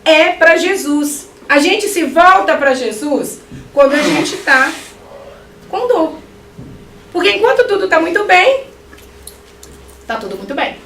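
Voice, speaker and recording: Woman, middle-aged, high voice, animated lecture, joking asides, distant mic, echoey hall. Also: slow, long pauses, slight background noise. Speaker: spiritist lecturer.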